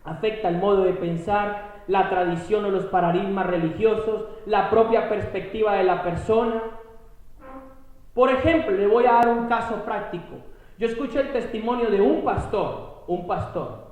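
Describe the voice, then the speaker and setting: A man's voice: high voice, moderate pace, a little mellow. A man giving a Bible teaching for a podcast. He asks rhetorical questions, answers them himself and keeps checking that the listener is following. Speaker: preacher. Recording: very echoey room.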